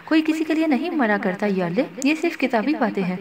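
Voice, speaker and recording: A woman's voice: high-pitched, lively intonation, darkish tone. A woman voicing a firm, resolute young man weighed down by guilt in a storybook reading. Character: young man, firm, guilt-ridden secretly married suitor.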